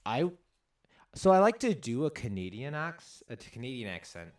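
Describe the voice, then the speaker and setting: A man in mid-range pitch, chatting loosely while he plays a party video game. He rambles, piles on fillers and restarts his sentences as he goes. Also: very animated, normal speed. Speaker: co-host playing a video game. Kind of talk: casual let's play chat.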